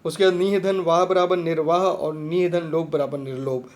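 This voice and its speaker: High-voiced man teaching an exam-prep lesson. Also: steady tone, normal speed. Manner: repetitive, checks understanding with "theek hai friend".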